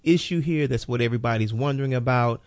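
A man's voice: mid-range voice, fast talker, no echo. A man hosting a radio program, talking in a casual, rambling way as he sets up questions for a guest. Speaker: radio show host. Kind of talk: radio interview.

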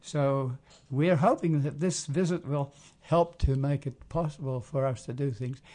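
A man hosting a casual community radio talk, rambling and often pausing to search for words. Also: mid-range voice, mellow. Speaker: radio show host.

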